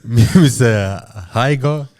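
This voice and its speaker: A man's voice: mid-range voice, normal speed, darkish tone, dry recording, clean studio sound. A man with a Swiss German accent co-hosting a podcast, bantering and teasing. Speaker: podcast co-host. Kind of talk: casual podcast chat.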